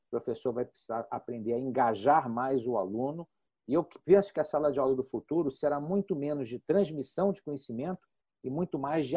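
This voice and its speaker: A man, speaking as a guest in a panel discussion on education, explaining in a measured way. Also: medium pitch, mellow, slightly rough.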